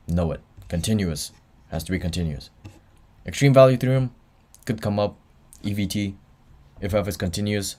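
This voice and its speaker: Low-voiced with a darkish tone, a weary young student tutor runs an exam review livestream, answering chat between explanations in an offhand way.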